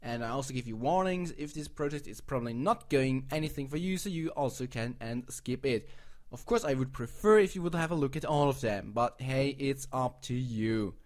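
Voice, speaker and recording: A Swiss man hosts a video channel, giving casual commentary on game crowdfunding projects in English, which is not his first language. He speaks with a Swiss accent in a mid-range voice, at a moderate pace with lively intonation. His delivery is rambling and playful, and he often corrects himself.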